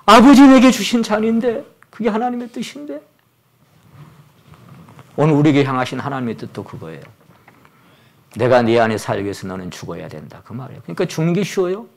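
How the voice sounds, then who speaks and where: Preaching on a Sunday, a sixty-something pastor tells lively stories and acts out the voices of the people in them. His voice is fairly high and creaky, a little fast, with long pauses.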